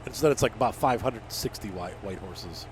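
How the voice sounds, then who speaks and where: This man's voice sits on the low side and moves fairly quickly, his nose plugged up badly from allergies. He hosts a gaming channel, chatting in a loose, folksy, meandering way. Background noise is clearly audible.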